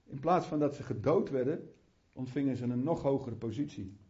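A man's voice: medium pitch, fairly quick, mellow. A man preaching a sermon in a fervent, conversational way, with chatty asides and restarts, often rising into heartfelt prayer. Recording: muffled lo-fi sound.

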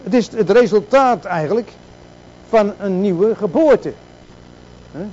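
A man's voice: high voice, animated, takes it slowly, darkish tone, highs cut off. A man preaching a sermon, asking rhetorical questions and repeating words for emphasis.

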